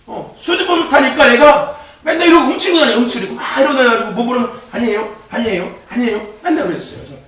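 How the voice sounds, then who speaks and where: A man youth pastor preaching a sermon in a church, animated and repetitive, laughing often as he talks. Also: very high voice, racing. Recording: very echoey, distant mic.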